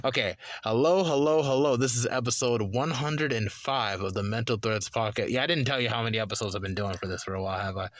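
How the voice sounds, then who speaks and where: Bright, quick-talking young man as host. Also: medium pitch, no echo, clean studio sound. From Liberia. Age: 20s. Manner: rambling, loose, filler-heavy. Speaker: podcast host. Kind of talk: casual chat.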